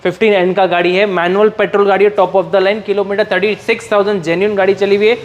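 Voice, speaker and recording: Indian guy from mumbai, high voice, slick used car salesman doing his pitch, same catchphrases over and over. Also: little pitch movement, quick pace, lo-fi sound. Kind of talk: sales pitch to camera, listing cars and prices.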